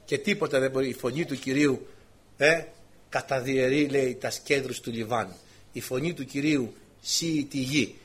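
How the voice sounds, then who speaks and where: A man's voice: medium pitch, fairly even intonation, breathy edge. A man preaching a sermon with passion. He asks the congregation rhetorical questions and keeps calling them brothers. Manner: impassioned, rhetorical questions, often addresses listeners as brothers.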